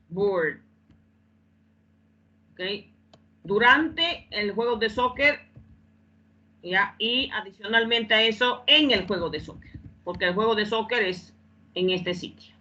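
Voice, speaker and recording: A woman's voice: mid-range voice, pushed and bright, highs cut off, slight background noise. A woman teaching English in Spanish in an online class, repeating phrases and often checking that students follow.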